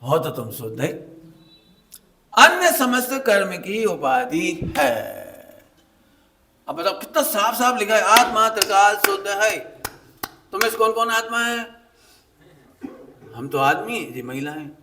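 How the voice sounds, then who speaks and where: Here a middle-aged Jain scripture teacher with a high-sitting voice delivers a sermon at normal speed, leaving long pauses. He animatedly recounts homely tales, voicing the people in them and regularly quizzing his listeners, while a faint hiss or hum runs underneath.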